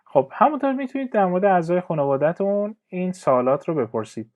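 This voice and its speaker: A male English teacher giving a lesson, reading example sentences slowly and clearly, then explaining them quickly with frequent fillers. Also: high voice, animated. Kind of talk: language lesson explaining phrases. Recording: slightly dull lo-fi audio.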